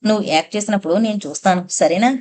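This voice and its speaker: A woman narrator voicing a playful, quick-witted young woman who teases and lightly mocks in an audiobook. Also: mid-range voice, darkish tone, lightly acted. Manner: teasing, lightly mocking. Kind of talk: audiobook character reading.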